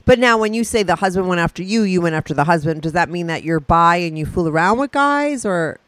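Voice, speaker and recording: A man's voice: high voice, expressive, a little fast, a bit bright, clear, resonant tone, dry recording. A man interviewing a guest, probing and rephrasing his questions casually.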